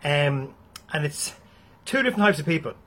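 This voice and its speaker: A man's voice: on the high side, lively intonation, normal speed, fairly bright tone. A man with an Irish accent giving a blunt, freely swearing motivational talk to his viewers. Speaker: motivational speaker.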